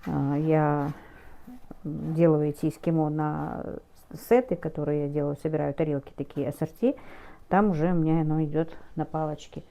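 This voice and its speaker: A middle-aged woman with a fairly low, very soft-edged mellow voice talks casually as a home cook. She speaks in a halting way, searching for words and rephrasing as she explains. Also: little pitch movement, creaky. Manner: halting, with hesitant self-corrections. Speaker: home cook taking food orders, vlogger. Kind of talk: casual cooking vlog chat.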